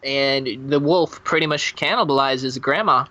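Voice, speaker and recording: A man's voice: medium pitch, a little slow. A man joining a podcast as a guest, telling a comic story with lots of swearing and stumbling restarts. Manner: profane, stumbling, excitable. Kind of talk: improvised comedic storytelling.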